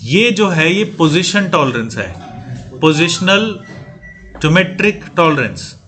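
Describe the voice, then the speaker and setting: A man's voice: fairly high pitch, very animated, measured pace, a bit bright, faint music behind. A man lecturing a class on engineering drawing, quizzing students and repeating key points. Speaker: CAD training instructor.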